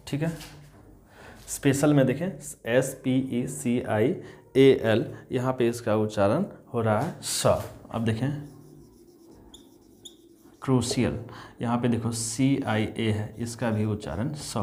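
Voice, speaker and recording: A male English teacher with a mid-range, slightly mellow voice walks young learners through spelling rules, spelling words letter by letter before saying them whole and repeating each rule several times. In this spelling and pronunciation lesson he addresses the students as children and keeps checking in by asking "is that clear".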